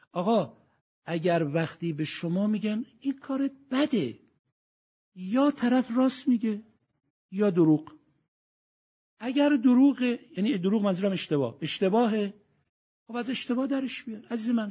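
A man giving a religious sermon, reciting verses slowly and moving between quiet reflection and loud exhortation. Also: high voice, breathy edge. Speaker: preacher.

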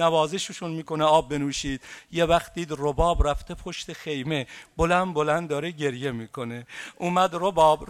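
A man with a fairly high voice preaches a mourning sermon. He drops to a hushed, grieving recital, then rises to loud, emphatic preaching. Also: clean tone.

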